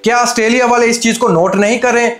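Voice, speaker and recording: Young man with high voice breaking down a match. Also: fairly even intonation, fast talker, fairly bright tone, reverberant. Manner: rhetorical questions, mixing in English phrases. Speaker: cricket commentator. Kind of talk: opinionated match analysis to camera. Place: indoor studio set with armchair. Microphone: lapel mic.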